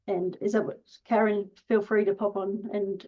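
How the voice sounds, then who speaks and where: A woman's voice: medium pitch, level tone, moderate pace, a little hiss or hum. A woman hosts a webinar, reads out audience questions and hands over to speakers, in a friendly manner. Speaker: webinar host. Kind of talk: moderating a webinar. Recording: dull lo-fi video call audio.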